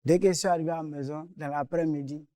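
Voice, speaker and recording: A man's voice: fairly high pitch, fairly even intonation, fast talker, dark tone, no room sound, clean studio sound. Hesitant apologetic man. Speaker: carpenter in a dispute. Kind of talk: defending himself on a mediation show.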